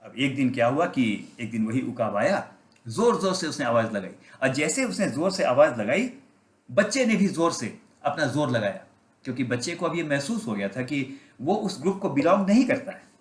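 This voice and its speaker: A male pastor tells a parable as a sermon. His voice sits in an ordinary middle pitch. He keeps asking his congregation questions and slips in English phrases, and the room gives his voice a clear echo. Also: sing-song, moderate pace. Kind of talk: storytelling sermon. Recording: roomy, echoey sound.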